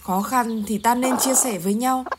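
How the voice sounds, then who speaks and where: A kindly village cooperative leader in a rural skit, acted by a woman. She talks gently and persuasively in a fairly high voice. There is noise in the recording. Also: normal speed, close to an everyday voice. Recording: noisy outdoor skit recording.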